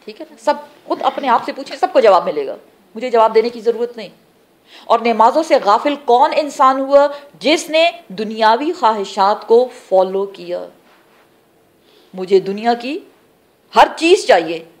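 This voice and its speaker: A woman's voice: fairly high pitch, expressive. A woman teaching a religious class, explaining scripture phrase by phrase and asking the class questions that she then answers herself. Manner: explains terms word by word, pausing between phrases. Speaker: Quran teacher.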